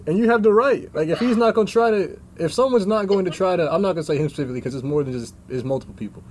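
A young man in casual conversation, making his points in a measured, thoughtful way. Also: high-pitched, a little mellow, slight background noise. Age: young adult. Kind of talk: casual chat.

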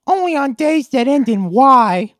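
A man's voice: very high voice, sing-song, slow, a bit bright, pitched above the performer's own voice, exaggerated voice. A man voicing a cheeky young schoolboy in a playful, breezy way.

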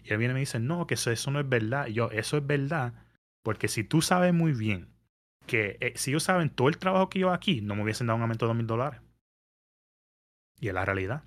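A man, telling a story in casual podcast chat, animated and mixing in English words. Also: mid-range voice, quick pace. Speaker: podcast guest. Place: New York area.

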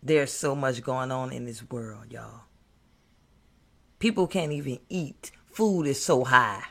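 A man's voice: medium pitch, slow, gravelly, a bit bright. An American man preaching an impromptu, fiery sermon in the manner of a doomsday street preacher, emphatic, repeating phrases and addressing listeners directly.

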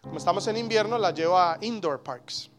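A man in his thirties preaching a sermon as pastor, animated, with sudden loud exclamations. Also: high-pitched, fairly quick.

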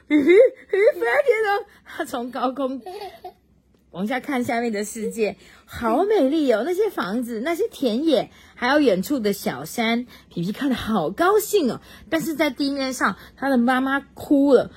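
A high-pitched woman with a husky, breathy edge reads a picture book aloud to a child at home. She leans into the story with lively swoops of voice and breaks off to ask the child questions. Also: moderate pace. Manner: expressive, swoops up for excitement, chats with the child. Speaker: parent reading to a child. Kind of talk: animated storybook reading.

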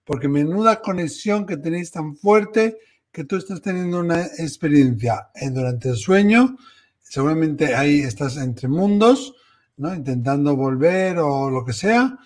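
A man's voice: a little high, expressive, a little slow, darkish tone. A man co-hosting the show, talking casually and speaking directly to the caller to reassure her. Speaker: medium and co-host. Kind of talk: casual explanatory talk.

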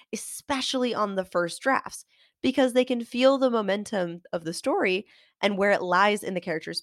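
A woman's voice: medium pitch, no echo, studio quality. A woman with a nasal voice, congested from a cold, hosting a scripted, articulate lesson and explaining things directly to listeners. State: getting over a cold. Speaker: host of a fiction writing show, author. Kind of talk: scripted instructional narration.

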